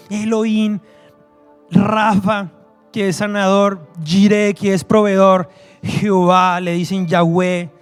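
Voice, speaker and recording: A man preaching a sermon to his church, emphatic and repetitive, acting out quoted voices. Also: sits high. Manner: emphatic, repeats phrases, acts out quoted voices.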